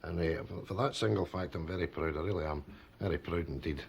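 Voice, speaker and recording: An actor playing a bumbling old cartoonist who rambles with many hesitations and restarts in a sketch comedy. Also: male voice, low voice, fast talker, gravelly, slight background noise. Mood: proud. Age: older.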